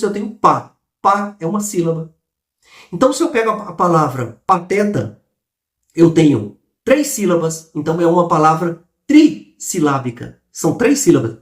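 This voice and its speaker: A man's voice: on the high side, echoey room. A man from teaching a grammar lesson, explaining step by step with frequent hesitations and restarts. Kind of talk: online course lecture.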